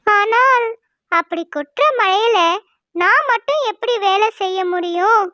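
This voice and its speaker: A woman's voice: very high-pitched, lively intonation, measured pace, pushed and bright, no room sound, lo-fi sound, exaggerated voice. A woman voicing Laila, a hardworking, honest young female crow who builds houses in a cartoon story. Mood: distressed. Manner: earnest, pleading.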